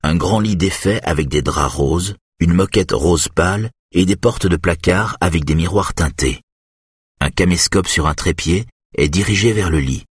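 A man with a husky voice narrating a thriller audiobook in an expressive, lively storytelling manner. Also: deep voice, normal speed, no room sound, studio quality. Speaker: audiobook reader. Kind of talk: scripted narration of a thriller novel.

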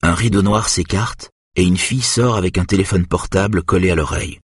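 A man reading a novel aloud in a very low, husky voice. His narration is steady and even. The recording is dry and close, with no room sound. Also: brisk, no room sound. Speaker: reader.

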